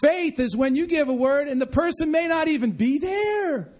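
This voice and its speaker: A man preaching a sermon to a church congregation, telling stories in an animated, chatty way full of quick asides and self-corrections. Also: very high voice. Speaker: pastor. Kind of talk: sermon with storytelling.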